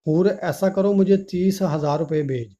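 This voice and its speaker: A man's voice: high-pitched, normal speed, dark tone. A man voicing a sly, greedy young lover. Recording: dull lo-fi recording.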